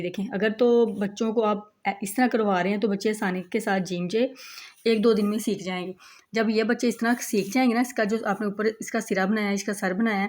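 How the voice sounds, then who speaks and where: A woman gives a patient teaching demonstration. She walks through each step of writing a letter slowly, keeping her voice at a moderate, everyday pitch. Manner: patient, repeats "look" while showing each step.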